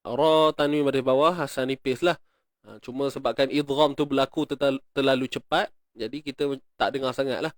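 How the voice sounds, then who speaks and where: A man with a Malaysian Malay accent teaching Quran recitation rules, explaining patiently, repeating words slowly and chanting verses. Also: medium pitch, fairly even intonation, dry recording, clean studio sound. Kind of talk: tajwid lesson, explaining and reciting.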